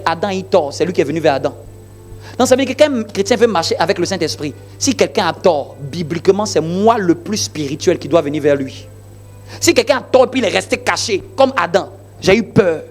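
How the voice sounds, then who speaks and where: A male pastor delivering a sermon in an emphatic, repetitive preaching style full of rhetorical questions. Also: high voice.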